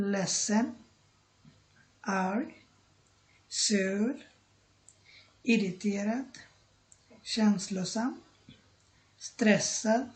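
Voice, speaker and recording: Slow, careful woman teaching vocabulary. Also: medium pitch, a little mellow, low-quality recording. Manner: repeats each word slowly, with filler "to". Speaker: language teacher.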